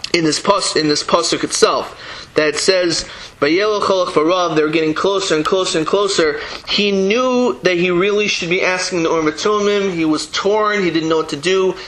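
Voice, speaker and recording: A man's voice: a little high, sharp tone, slight background noise, low-quality recording. A man teaching a Torah class, reading verses aloud and explaining them with frequent restarts. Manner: halting, restarts, reads Hebrew verses then translates. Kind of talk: verse-by-verse text study lesson.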